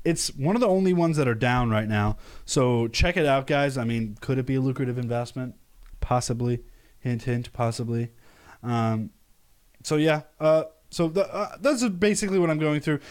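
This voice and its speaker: A man's voice: mid-range voice, moderate pace, a little mellow. A young American man from the United States hosting a casual live stream, talking upbeat and rambling with many fillers and restarts. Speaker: crypto channel host.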